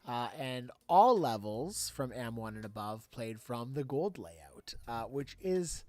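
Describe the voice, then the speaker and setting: A man's voice: mid-range voice, big pitch swings, takes it slowly, a little mellow. A man hosting a casual show, upbeat and chatty, laughing easily. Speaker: host.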